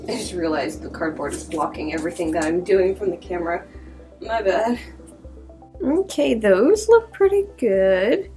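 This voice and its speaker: A woman casually chatting and thinking aloud while she works on art in a vlog, sometimes dropping to a soft whisper, a little sniffly. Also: mid-range voice, expressive, moderate pace, distant mic, poor audio. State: sniffly from allergies. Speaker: artist vlogger. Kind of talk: casual crafting vlog chat. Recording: voice a little off-mic, faint music behind.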